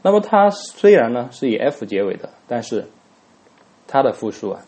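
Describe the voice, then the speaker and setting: In a darkish, mid-range voice with big pitch swings and a normal speed, a man gives an English grammar lesson. He spells words letter by letter and says them twice, repeatedly puts rhetorical questions to his students, and leans on plenty of fillers.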